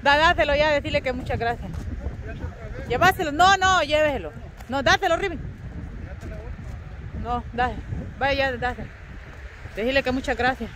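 A high, bright woman vlogs outside in the snow. Her voice leaps around as she cheers and laughs at her family, talking at an easy pace. Faint wind noise runs under her voice. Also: lively intonation, moderate pace, pauses often. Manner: shouting encouragement, laughing, teasing. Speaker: vlogger. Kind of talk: casual outdoor vlog chatter. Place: outdoors in snow, windy.

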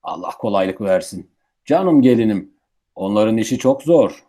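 A male actor plays an old grandfather in a radio play, folksy and grumbling yet fond of his family. His pitch rises and falls freely as he talks. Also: lively intonation, unhurried, dark tone. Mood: tender. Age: older. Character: grumbling, affectionate old grandfather baffled by technology. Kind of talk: Turkish radio theatre acting.

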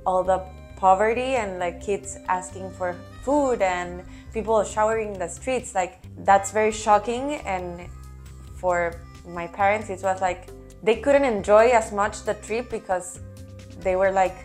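A woman's voice: mid-range voice, unhurried, darkish tone, faint music behind. A woman in her twenties from Argentina and Costa Rica, chatting casually with many fillers in an office on a lapel mic. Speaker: interviewee. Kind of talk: casual opinion sharing. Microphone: clip-on lapel mic.

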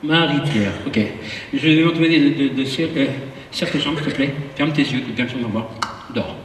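A man doing a live comedy hypnosis show, firing off teasing jokes and slow commanding patter. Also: mid-range voice, slight background noise. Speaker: stage hypnotist. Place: large concert arena on stage. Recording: echoey arena sound from far off. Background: audience murmur and laughter.

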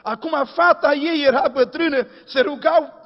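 High-voiced man preaching in an echoey hall. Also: gravelly. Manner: storytelling, acting out dialogue in folksy speech. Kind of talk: sermon with anecdotes. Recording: dull echoey hall recording.

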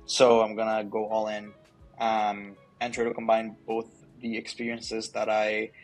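A man's voice: fairly low pitch, completely flat delivery, measured pace, faint music behind, poor audio. A young man from Colombia, a startup founder, chatting in an interview over earbuds on a video call from an office. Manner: chatty, lots of likes and ums. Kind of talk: casual interview answers. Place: office with large window.

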